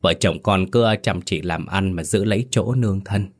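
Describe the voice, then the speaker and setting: Frail old dying elder, voiced by a man, weak yet clear, solemn, very low pitch. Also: moderate pace.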